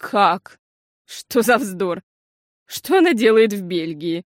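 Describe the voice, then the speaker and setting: A fussy middle-aged aunt from a children's story, loud and quick to be shocked, as a woman reads her. Her voice swings widely and sounds close and dry. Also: medium pitch, expressive, no echo. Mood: astonished. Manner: loud, scolding exclamations.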